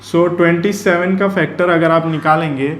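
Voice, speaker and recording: Male math teacher, slightly high voice, patient repeated questions, roomy sound. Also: steady tone, slight background noise. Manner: slow, repetitive, keeps asking and answering his own questions. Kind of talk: explaining a classroom lesson. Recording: echoey room.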